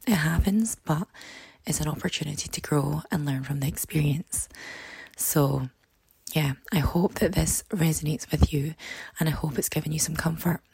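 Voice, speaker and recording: A woman with a low, croaky frog voice speaks a reflective podcast monologue. She is hoarse and heavily gravelled, often fading toward a breathy near-whisper. The sound is close and dry, and her advice is earnest and reassuring. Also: moderate pace, darkish tone, no echo, poor audio. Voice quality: croaky, froggy voice. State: hoarse, voice partly lost. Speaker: podcast host.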